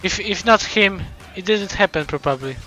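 A man with a fairly high, sharp, forward voice chats casually on a live stream. He sounds thankful and excited and often stumbles over and repeats his words. Soft music plays underneath. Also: normal speed, poor audio.

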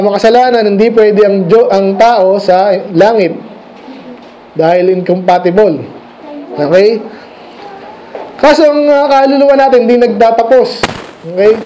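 High-voiced man preaching a conversational sermon. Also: measured pace, long pauses, warm tone, slight background noise, poor audio. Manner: conversational, asks the congregation questions; mixes English phrases into his speech. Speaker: pastor. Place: church sanctuary.

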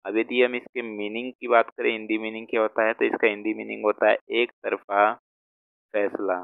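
A man's voice: lowish voice, little pitch movement, vocal fry, smooth, no room sound. Man teaching vocabulary over a tinny line. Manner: slow, repeats words while writing them out. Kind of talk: explaining word meanings in a class. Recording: tinny phone-like sound.

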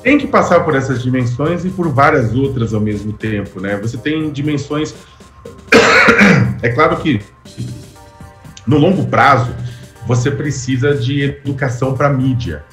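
A man in his thirties answers in an interview over a webcam from a home room, his voice carrying a roomy echo. He talks in long explanatory runs, stopping and restarting often, then pushing his pitch up on key points. Faint music sits underneath. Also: animated, unhurried, long pauses, a bit bright. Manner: hesitant, restarts often, rising emphasis. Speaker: interview guest. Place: home room with framed pictures on wall. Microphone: webcam video call.

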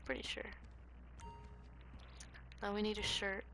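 A woman doing casual gameplay commentary, thinking aloud into a cheap, breathy-sounding microphone. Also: medium pitch, lively intonation, slow, pushed and bright, soft background music. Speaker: gaming video host. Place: bedroom, lying in bed. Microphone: cheap, poor-quality microphone. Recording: noisy cheap mic, breathing audible.

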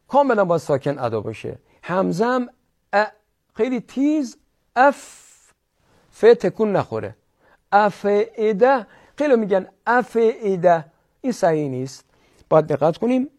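A man with a Persian accent teaching tajweed, explaining each rule and then reciting the phrases slowly and drawn out. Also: fairly high pitch, a little mellow. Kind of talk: tajweed lesson with slow recitation.

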